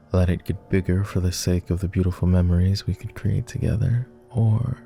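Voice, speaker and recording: A man with a low, gravelly, warm voice plays a clingy, lovestruck, melancholy vampire lord in an intimate boyfriend-roleplay ASMR. He speaks tenderly in formal, old-fashioned, hesitant phrases, sounding anguished.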